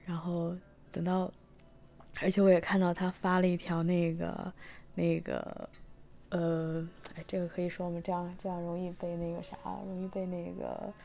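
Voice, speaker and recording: A young woman from Tianjin, chatting through a personal story with many fillers and restarts, sometimes bursting with excitement. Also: fairly low pitch, moderate pace, gravelly. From Tianjin, China. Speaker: vlogger telling a personal story. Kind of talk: casual storytelling monologue.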